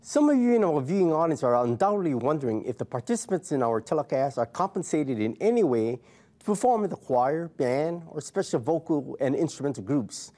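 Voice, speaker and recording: A man preaching a scripted sermon as head pastor in a measured, formal way. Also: on the high side, big pitch swings, dark tone.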